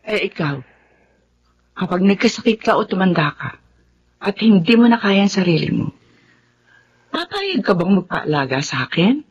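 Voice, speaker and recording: A woman's voice: mid-range voice, big pitch swings, normal speed, pauses often, slightly rough, highs cut off. An actress in a Tagalog radio drama playing Remedios, a practical, earnest middle-aged woman who reasons matter-of-factly. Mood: firm, persuading.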